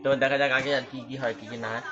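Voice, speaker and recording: A man rattles through his day in a quick, chatty stream, mocking himself along the way. His voice sits in a middle register. It is captured on a phone with dull, lo-fi sound. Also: mid-range voice, little pitch movement, bright, forceful tone, faint music behind. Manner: rambling, chatty, self-deprecating. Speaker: vlogger. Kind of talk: casual daily vlog chat.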